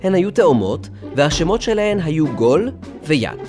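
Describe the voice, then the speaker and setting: A man narrating a children's story in an expressive, storytelling manner. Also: a little high. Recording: music playing under the voice.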